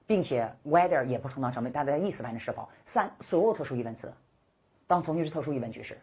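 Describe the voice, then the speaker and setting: Husky low-voiced woman teaching grammar. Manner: emphatic, drills students with rhetorical questions; slangy and chummy with viewers. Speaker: English teacher. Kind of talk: online grammar lecture. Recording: dull lo-fi recording.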